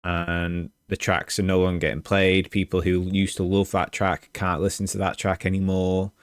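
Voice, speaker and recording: Very deep male podcast co-host, measured and reflective, dry close sound. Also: level tone, clear, resonant tone, dry recording. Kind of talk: casual chat about game music.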